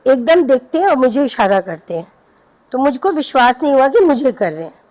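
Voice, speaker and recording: High-voiced middle-aged woman telling a devotional story. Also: fairly quick, poor audio. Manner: lively storyteller, acting out her own pleading. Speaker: devotee sharing a satsang.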